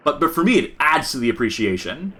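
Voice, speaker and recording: A man's voice: mid-range voice, sing-song, fast, pushed and bright, slight background noise. A man co-hosting a podcast, giving casual commentary as he plays a game and explaining its mechanics in detail. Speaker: podcast co-host. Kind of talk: casual commentary over gameplay.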